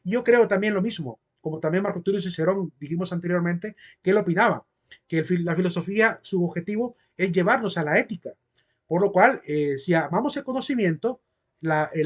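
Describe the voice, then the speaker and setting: A man gives a philosophy lecture to his class in a fairly high voice. He explains at length, circles back over his points and keeps asking whether they follow. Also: fairly quick. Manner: explanatory, repeats phrases and asks "¿verdad?". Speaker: philosophy teacher.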